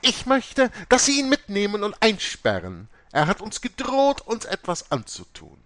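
A man voicing a shrill, stern convent head. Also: big pitch swings, moderate pace, dry recording. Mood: agitated. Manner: sharp, commanding, scolding. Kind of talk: audiobook reading.

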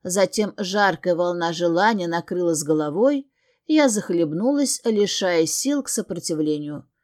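A woman's voice: fairly low pitch, expressive, moderate pace, a little mellow. Woman narrating a fantasy romance audiobook. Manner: earnest, emotional storytelling. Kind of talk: first-person fantasy novel narration.

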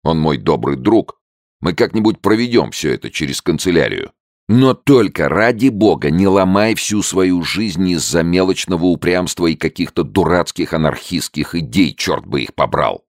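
A man's voice: deep voice, animated, normal speed, no room sound, studio quality, voice pushed up. A man voicing a young male soldier who argues heatedly and insistently. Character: agitated young male soldier, pushy persuader.

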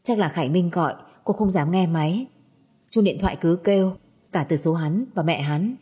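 A woman reads a dramatic family story aloud as a scripted narration, in an even storytelling manner. Her voice is low-pitched and mellow, with a breathy, husky texture. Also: normal speed.

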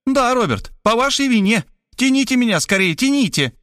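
Man doing a bossy sharp-tongued woman, high-pitched, impatient, scolding, dry close recording. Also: sing-song, moderate pace, no room sound, heavily acted. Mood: impatient, commanding. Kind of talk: audiobook character voice.

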